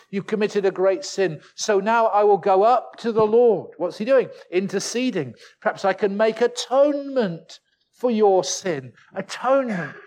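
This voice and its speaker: A man preaching a sermon, earnest and full of rhetorical tag questions, slowing and dropping his voice to stress key words. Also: high voice, a little mellow.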